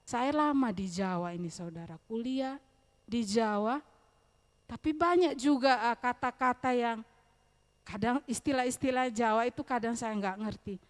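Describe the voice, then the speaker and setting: A woman evangelist giving a church sermon, lively, with loud rising questions and quiet asides. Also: mid-range voice. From eastern Indonesia. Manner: addresses listeners as "saudara", speaks with humor. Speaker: evangelist preacher. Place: church service.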